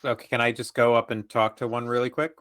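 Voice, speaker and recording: A man's voice: mid-range voice, little pitch movement, quick pace, a bit bright, clear, resonant tone, dry recording. A man chatting eagerly as a player in a tabletop game, describing his character's moves. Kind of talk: casual tabletop play.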